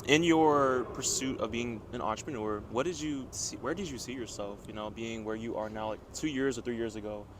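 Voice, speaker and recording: Fast-talking male interviewer. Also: mid-range voice, background noise. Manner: brief affirmations, rambling questions. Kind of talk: interview questions.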